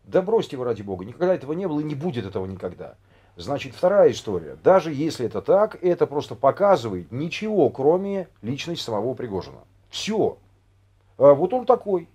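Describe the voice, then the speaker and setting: An older man argues emphatically in a panel debate, brushing points aside. His voice is fairly high and husky, with a mellow tone and quick delivery. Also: very animated. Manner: emphatic, dismissive. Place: small room studio, indoors.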